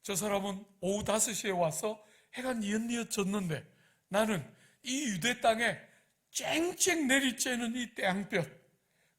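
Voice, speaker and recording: A man's voice: fairly high pitch, husky. A man preaching acts out a male day laborer who grumbles indignantly, drawing out his complaints. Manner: exaggerated drawn-out complaining.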